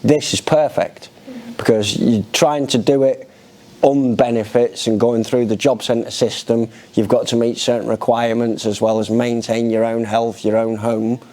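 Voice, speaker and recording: A middle-aged British man speaks in an interview. His voice is mellow and unforced, at a medium pitch. He tells his own story in plain, conversational speech. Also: level tone, moderate pace. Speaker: charity resident being interviewed. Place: indoor lounge, seated in an armchair.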